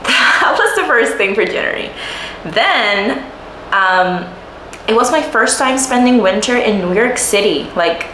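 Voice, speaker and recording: Chatty Puerto Rican woman vlogging. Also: mid-range voice. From Puerto Rico. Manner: animated, laughs often, filler-heavy. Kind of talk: chatty life-update vlog. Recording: roomy echo, faint room noise.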